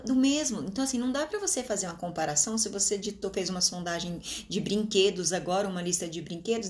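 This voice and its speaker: Animated Brazilian woman teaching teachers. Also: mid-range voice. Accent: Brazilian Portuguese. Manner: animated, many tag questions like "tá?", stretches words slowly for emphasis. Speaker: teacher trainer. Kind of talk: informal teaching talk.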